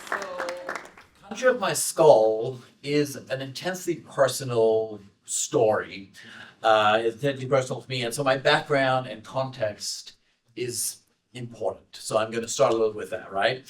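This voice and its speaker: A middle-aged man raised in South Africa lectures from his slides with a measured, personal tone. His voice sits at an ordinary pitch. It is picked up from some way off in a library room. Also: far from the mic, a faint crowd, rough recording. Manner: measured, personal, with many uh fillers. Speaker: history professor giving a book talk.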